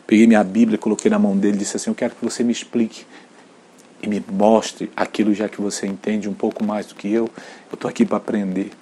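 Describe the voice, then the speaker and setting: A Brazilian man, a pastor, preaching an earnest sermon, sometimes dropping to a near whisper and sometimes rising to loud emphatic peaks. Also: fairly low pitch, level tone, fast, husky.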